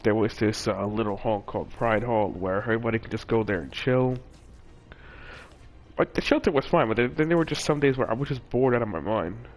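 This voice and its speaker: This young vlogger has a fairly low pitch and a fairly quick pace as he casually meanders through a story about himself. His telling is loose, with frequent fillers, restarts, and self-corrections.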